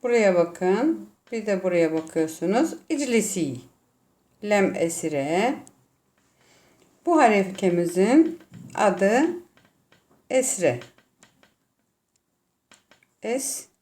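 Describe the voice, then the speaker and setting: A woman teacher with a Turkish accent, slowly explaining Arabic vowel marks and sounding out letters one by one. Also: medium pitch, big pitch swings, dark tone. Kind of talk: classroom lesson.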